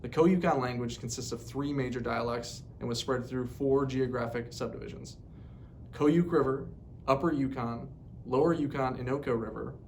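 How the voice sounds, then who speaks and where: A man reads a scripted educational narration in a formal manner. The microphone is poor, and a distinct rumble runs underneath.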